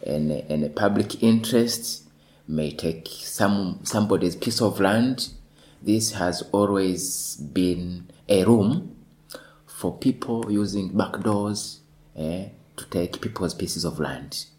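A man from Tanzania, a lawyer, speaking in a measured way in a discussion and repeating words as he thinks. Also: deep voice, a little mellow, poor audio. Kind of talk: panel discussion.

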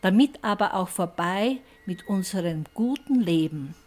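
A woman's voice: mid-range voice, expressive, a little slow, darkish tone, faint music behind. An older woman, a grandmother, giving an earnest, reflective scripted appeal as an elderly climate activist.

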